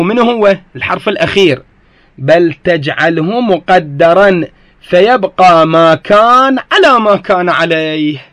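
A man's voice: high-pitched, fairly bright tone, dry recording. A man with an Iraqi Arabic accent teaching a grammar lesson, explaining step by step and often asking whether his students follow.

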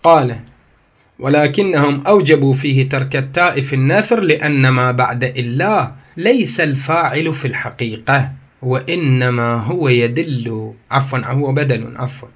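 A man's voice: medium pitch, moderate pace. A man with an Iraqi accent giving a grammar lesson, reading passages aloud and then explaining and disputing them, often repeating key phrases. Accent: Iraqi Arabic. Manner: reads a text aloud, then explains and argues with it. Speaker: teacher. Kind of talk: grammar lecture.

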